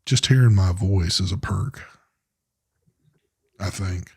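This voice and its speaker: A man co-hosts a live online vape show, chatting casually in a laid-back, rambling manner and cussing freely. His voice is low and husky, and he speaks slowly.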